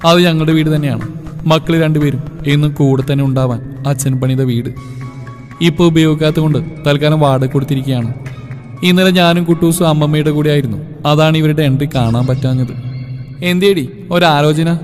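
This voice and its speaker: Man, high voice, lively comic story reading, faint background music. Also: brisk. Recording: long reverb, faint music behind.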